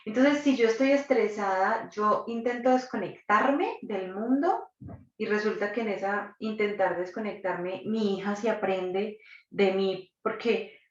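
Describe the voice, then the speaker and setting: A woman's voice: mid-range voice, a little slow. Woman, distant roomy lo-fi audio. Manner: reflective, asks the audience questions. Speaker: psychologist and doula. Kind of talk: live online workshop talk. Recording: distant, dull, roomy recording.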